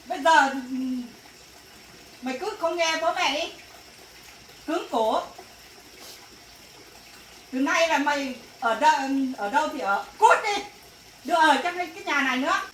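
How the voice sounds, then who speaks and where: Taking it slowly with long pauses, a woman with a high-pitched voice plays an angry rural mother scolding her daughter in a family drama, her scolding flaring into shouting bursts. The recording is echoey, faraway and faintly noisy.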